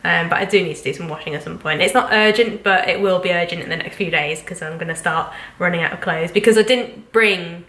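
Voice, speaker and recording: Congested from a cold, this young female vlogger rambles chattily to the camera, filling her talk with ums and likes. Her nasal, stuffy voice sits fairly low and sounds sharp, moving briskly with hardly any pauses in an echoey room.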